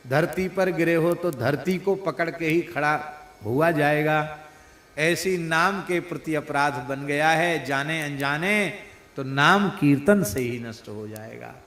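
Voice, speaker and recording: A man gives a devotional sermon at an unhurried pace, slipping into slow sung verses between his explanations. His voice sits a little high for a man. It rings out in a roomy, echoing space. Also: fairly bright tone. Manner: sings devotional verses slowly, explains with playful imitation of mispronunciations. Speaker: spiritual preacher.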